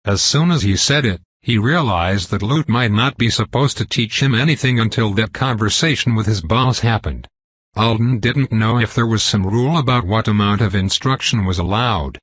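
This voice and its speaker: A man narrating a story in an even, flat reading style. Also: on the low side, normal speed, slightly rough, dry recording. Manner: even, flat reading that voices symbols aloud. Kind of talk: audiobook narration.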